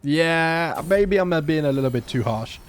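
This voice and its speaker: Casual let's play commentary comes from a man hosting a gaming channel, his voice fairly high, animated and at a moderate pace. Despite a sore throat, he's chatty and joking, thinking out loud as he plays a strategy game.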